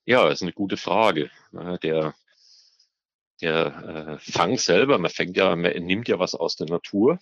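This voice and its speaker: Low-pitched yet fairly bright in tone, this man speaks at a measured pace as an expert interview guest, a biologist on the ornamental fish trade. He explains hesitantly, often repeating words as he hunts for what comes next. The recording is dry and muffled.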